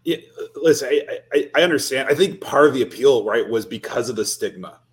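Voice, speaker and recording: A man's voice: mid-range voice, animated, fairly quick. A man speaking as a guest on a podcast, explaining earnestly and checking in with repeated "right". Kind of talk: casual interview chat.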